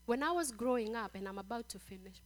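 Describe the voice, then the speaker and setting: Lady preaching a sermon, high voice, lots of praise the lord, goes quiet then loud. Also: lively intonation, fast talker. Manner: repeats scripture, punctuates with "praise the Lord"; swings from quiet storytelling to loud exhortation.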